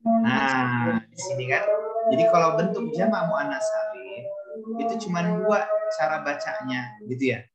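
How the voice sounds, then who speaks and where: A man's voice: a little high, highs cut off. Man teaching grammar in an echoey room. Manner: explains patiently, repeats examples, quizzes students by name. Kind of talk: classroom lesson.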